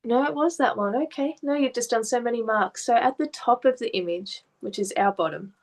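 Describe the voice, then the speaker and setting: A woman art therapist gently asking questions and explaining what a client's drawings mean. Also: on the high side, fairly quick, low-quality recording. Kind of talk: therapy session conversation.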